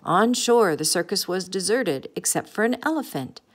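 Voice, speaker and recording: A woman reading a picture book aloud in an expressive, gentle way. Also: mid-range voice, moderate pace. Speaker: storybook reader.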